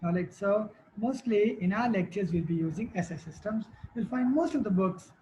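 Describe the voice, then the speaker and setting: A woman's voice: medium pitch, normal speed, dark tone, dull audio, a little hiss or hum. A woman teacher giving a classroom lecture, quizzing students and repeating their answers.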